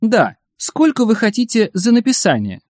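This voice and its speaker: A man's voice: high-pitched, wildly swooping pitch, moderate pace, a little mellow, no room sound, studio quality, voice pushed up. A man doing a wary, pudgy clinic boss. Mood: guarded. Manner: cautious, guarded. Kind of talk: audiobook character reading.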